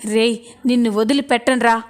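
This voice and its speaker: A woman voicing a young woman who fiercely accuses her brother-in-law, read in her own high voice in a storybook retelling. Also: steady tone, brisk, close to an everyday voice. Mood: furious. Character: young woman, angry sister seeking truth.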